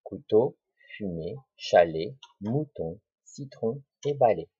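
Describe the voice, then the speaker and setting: Slow, deliberate male teacher. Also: fairly low pitch, lively intonation, dark tone, husky, dry recording. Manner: slow, deliberate, repeats words and syllables. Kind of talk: home-schooling lesson for young children. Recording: dull lo-fi recording.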